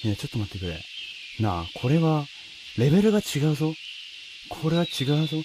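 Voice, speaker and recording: A man talks casually through a horror game, nervous and pleading with his viewers. His pitch swings widely from phrase to phrase. Noisy, chirping game ambience sits behind his voice. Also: very animated, a little fast. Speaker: video game player and commentator. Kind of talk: casual horror game let's-play commentary.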